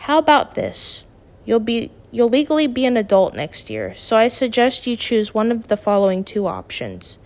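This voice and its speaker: A woman voicing a steady, practical middle-aged father who speaks in a calm, measured and gently firm way. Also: fairly high pitch.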